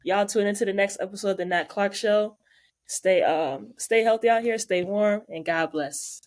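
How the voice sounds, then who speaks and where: A woman hosting a casual interview show, giving a quick sign-off at the end. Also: mid-range voice, a little mellow. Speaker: podcast host.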